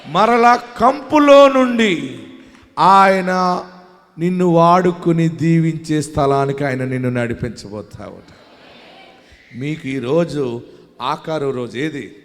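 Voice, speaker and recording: Male pastor preaching, raised pitch, rallies the congregation, recorded in an echoing hall. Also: lively intonation, slow, long pauses. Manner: swings from quiet talk to loud shouting; calls on the congregation to shout hallelujah. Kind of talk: sermon. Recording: long hall reverb.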